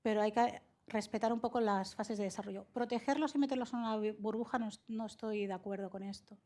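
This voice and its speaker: A woman psychologist answering interview questions in a measured, explanatory way, often laughing, from Spain. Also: medium pitch, dark tone. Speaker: psychologist guest.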